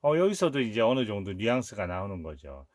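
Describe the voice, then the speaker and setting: A man's voice: lowish voice, sing-song, a little fast, darkish tone, no room sound, studio quality. A man hosting a casual film review, walking through scenes and acting out the characters' lines as he goes.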